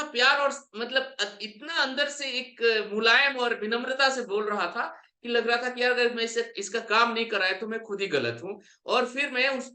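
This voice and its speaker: Male motivational coach, emphatic storyteller, sharp tone, roomy reverb. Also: high voice. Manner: emphatic, repeats phrases for effect. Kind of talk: motivational talk with anecdotes. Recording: roomy echo.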